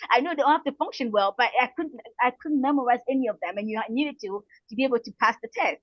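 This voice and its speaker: This coach and counselor, a middle-aged woman from the Republic of the Congo, gives motivational advice as a guest in an interview. Her pitch is fairly high and her pace quick, and she stays encouraging and earnest, repeating phrases for emphasis. The sound is lo-fi, without room sound.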